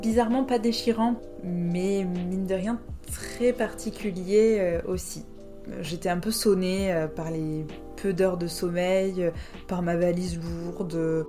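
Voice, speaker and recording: A woman's voice: fairly low pitch, fairly even intonation, takes it slowly, dark tone, soft background music. Reflective woman recounting a journey. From France. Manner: reflective, hesitant with frequent fillers. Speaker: podcast host. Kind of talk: personal travel storytelling.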